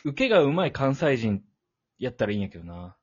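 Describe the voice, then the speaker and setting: A man with a Kyushu accent in casual chat as a podcast co-host, relaxed and laughing often. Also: medium pitch, quick pace, slightly rough, no echo. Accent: Kyushu dialect. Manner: relaxed, laughs often, breaks into loud mock-Kansai outbursts. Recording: dull dry lo-fi audio.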